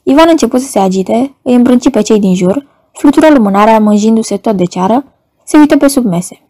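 A woman narrating a novel for an audiobook, measured and steady. Her voice sits fairly high but sounds mellow and warm. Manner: measured, storytelling.

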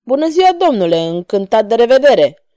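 A woman's voice: fairly high pitch, sing-song, warm tone, no echo. A woman voicing Ragastă, a mocking cavalier. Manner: ironic, courtly and taunting. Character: bold mocking male cavalier swordsman.

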